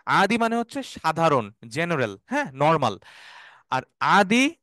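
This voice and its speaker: A man teaching an online Arabic class, explaining terms slowly, repeating them and checking often that students follow. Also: fairly high pitch, huge pitch swings, sharp tone, no echo, clean studio sound. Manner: has students repeat words after him.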